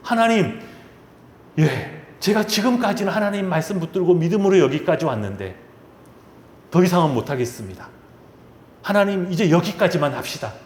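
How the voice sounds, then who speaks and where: A pastor voicing a desperate old patriarch. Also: male voice, sits high, expressive, moderate pace, long pauses, reverberant. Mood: despairing. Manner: desperate pleading questions. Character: anguished aged male patriarch pleading with God.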